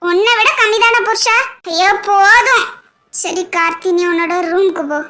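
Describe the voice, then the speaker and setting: A woman voicing a lively young wife in a homemade cartoon, quick and teasing. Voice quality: very high, bright, squeaky.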